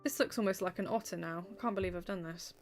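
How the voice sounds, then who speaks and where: A woman's voice: on the low side, quick pace, faint music behind. A woman streamer chatting casually while she draws, reading out chat messages, with lots of ums and small laughs.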